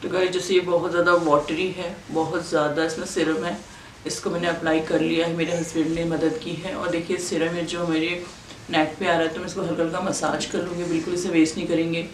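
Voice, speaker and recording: A woman's voice: on the low side, flat delivery, very fast. A woman talking through a sheet mask on her face, explaining each step of a skincare demo like a tutorial. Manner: instructive, walks viewers through each step. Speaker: beauty product reviewer. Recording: roomy, distant, noisy home recording.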